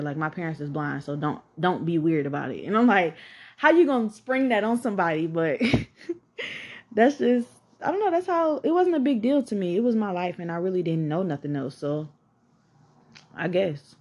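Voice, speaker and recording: A woman in her twenties from Atlanta, Georgia, with a Southern accent hosts a podcast. Her voice is lowish with a darkish tone. She candidly tells her life story in a chatty, casual way, swearing and saying "like" a lot.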